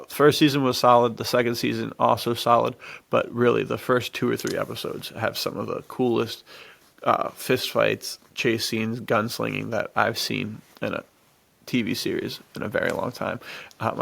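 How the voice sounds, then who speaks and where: This gravelly, slightly bright male voice sits at medium pitch. He's co-hosting a podcast, chatting about action movies with rambling enthusiasm and frequent chuckles.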